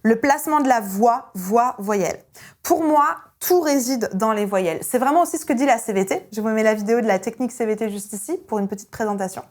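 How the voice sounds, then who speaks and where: A young adult woman teaching an online singing lesson as a vocal coach, energetic and emphatic. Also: a little high, fairly quick. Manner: energetic and emphatic, with sung vowel demonstrations.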